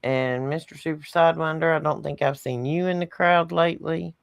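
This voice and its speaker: A woman's voice: sits low, fairly even intonation, brisk, creaky, dry recording. A woman with a Southern US accent co-hosting a live stream, folksy and casual, dropping "ain't" and "y'all". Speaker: co-host of a live stream show.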